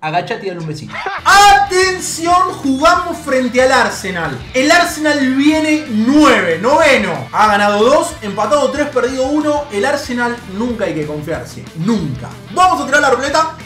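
A young man with an Argentine accent giving excitable gameplay commentary as a video game coach, cheering his players on with bursts of shouting. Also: extremely high pitch, moderate pace, hardly any pauses. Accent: Argentine Spanish. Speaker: gaming YouTuber. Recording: roomy home setup with faint background music.

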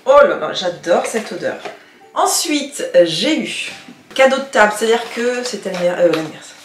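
A woman's voice: mid-range voice, lively intonation, normal speed, echoey room, slight background noise. A woman vlogger chatting casually to camera as she shows off her gifts, gushing and full of fillers and restarts. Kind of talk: casual haul chat to camera.

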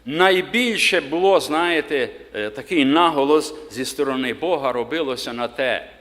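A man preaching a sermon to his congregation, emphatic, slowing down to read scripture aloud. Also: fairly high pitch, fairly bright tone. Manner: emphatic, rising on key words, slows to read scripture. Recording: long reverb of a church hall.

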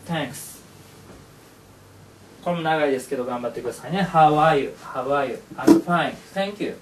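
A man's voice: mid-range voice, slight background noise. A male teacher who gives a classroom lesson, upbeat and encouraging, repeating phrases aloud. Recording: echoey room, voice from far off.

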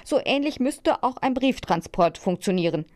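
A woman's voice: on the high side, expressive, normal speed, a little mellow, pitched above the performer's own voice, natural voice. Woman voicing a grumbly helpful dog, easygoing, storybook.

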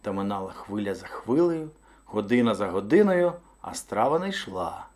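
Expressive male storyteller reading aloud. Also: on the low side, moderate pace. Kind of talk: audiobook folk tale narration.

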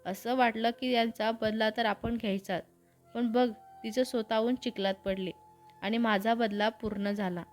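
A woman's voice: on the high side, steady tone, normal speed, faint music behind, natural voice. A woman voicing a cocky, teasing young man in a storybook reading. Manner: teasing, boastful.

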